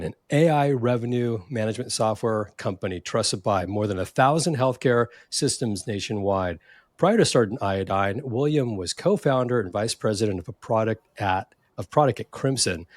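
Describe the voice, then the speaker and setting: Here a man with a lowish, slightly mellow voice is heard without any room sound. He's a Silicon Valley, California podcast host who opens his startup interview show upbeat and keeps his questions friendly.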